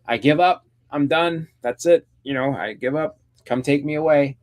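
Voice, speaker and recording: A man voicing a sinister comic-book clown villain, retelling a comic scene in a high, gleeful, mocking voice. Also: moderate pace, lightly acted. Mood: mock surrender.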